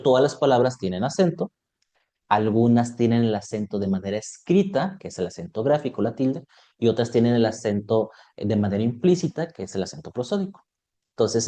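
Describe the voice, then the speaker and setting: A man's voice: medium pitch, mellow. A man teaching an online exam prep lesson, explaining topics step by step and checking in with his students.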